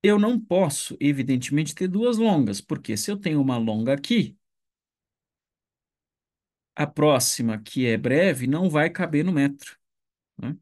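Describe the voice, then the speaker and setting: A man teaching an online class, speaking slowly and thinking aloud, with frequent restarts and tag questions. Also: a little high, lively intonation, darkish tone. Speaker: ancient Greek teacher. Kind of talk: online lecture.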